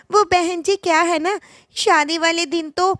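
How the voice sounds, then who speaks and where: A flustered young bride who stammers out apologies, as a woman puts her on. She sounds high and bright, raised above the narrator's own voice, and she sits close and dry against the mic. She is timid and nervous in this cartoon story. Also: fairly even intonation, slow, no echo, exaggerated voice. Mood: flustered apologetic.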